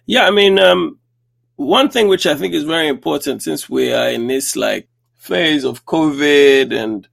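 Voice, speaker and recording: A man from Kenya with a gravelly, rough-edged voice speaks in a halting interview manner, circling back over his words. The sound is dry and close, with no room around him. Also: on the high side, fairly bright tone, no echo. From born in Kenya, raised across Central and West Africa. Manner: hesitant, many fillers and restarts. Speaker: documentary filmmaker, guest. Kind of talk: conversational interview answer.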